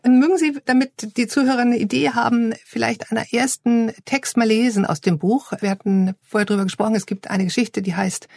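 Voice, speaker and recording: A woman's voice: a little high, fairly even intonation, fairly quick, gravelly, hardly any pauses, a little mellow, no room sound, studio quality. A woman interviewing an author, attentive and affirming. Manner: attentive, affirming with frequent murmurs. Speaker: podcast interviewer.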